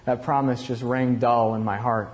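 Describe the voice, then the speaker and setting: A man's voice: medium pitch, little pitch movement, moderate pace, lightly acted. A man playing Cain in a first-person dramatic monologue, telling his story in a confessional, reflective way. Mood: regretful. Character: Cain, aging regretful male murderer looking back.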